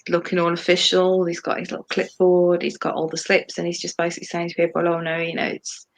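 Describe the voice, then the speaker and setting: Woman co-host, flat gravelly delivery, rambling with ums, video-call audio. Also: fairly low pitch, fast talker. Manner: rambling, hesitant with many ums. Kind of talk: casual livestream discussion.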